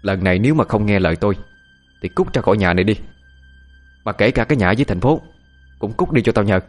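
A man's voice: on the low side, lively intonation, fast, soft background music. A man voicing a harsh, berating older mother-in-law in a spoken horror story. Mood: furious. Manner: berating, contemptuous.

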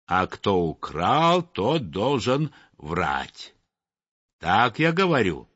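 A man playing a cheerful young chimney sweep in a storybook reading, low and mildly scolding. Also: big pitch swings, very slow, a bit bright, husky, dry recording, full character voice. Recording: dull dry lo-fi recording.

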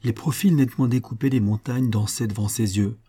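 Man narrating an audiobook, mellow tone, calm and even. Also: mid-range voice, brisk, slightly rough.

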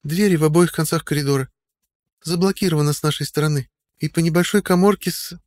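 A sharp-tongued young woman who drawls and teases, put on by a man reading a storybook. The voice sits well above his usual low register, and the dry, close recording keeps every word up front. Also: fast, no room sound, lightly acted. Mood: grumbling. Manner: high put-on voice, drawling and teasing.

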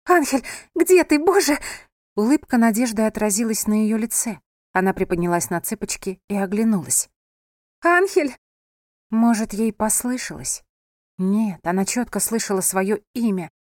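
A woman reads a novel aloud in an even, measured storytelling voice, at a middle pitch for a woman. She is recorded close on a studio microphone, with a dry, dead sound and no room echo. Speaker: audiobook narrator. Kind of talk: scripted narration of a novel.

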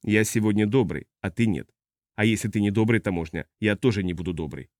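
A man voicing a huge, drunk male navigator who talks low and quietly menacing. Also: brisk, dry recording, studio quality, natural voice. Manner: low, slurred, quietly threatening.

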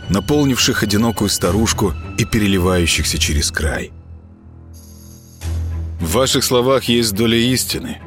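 A male narrator reading an audiobook in an expressive, animated voice that moves freely up and down. Soft music plays faintly in the background. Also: on the low side. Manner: expressive storytelling.

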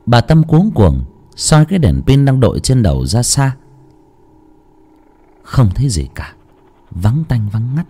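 A man narrating a ghost story with dramatic, lively storytelling. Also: mid-range voice, measured pace, pauses often, slightly rough. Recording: music under the voice.

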